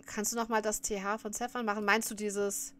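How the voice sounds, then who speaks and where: A woman's voice: medium pitch, level tone, brisk, a bit bright. A woman streamer chatting casually while reacting to a clip, often laughing and scolding her viewers.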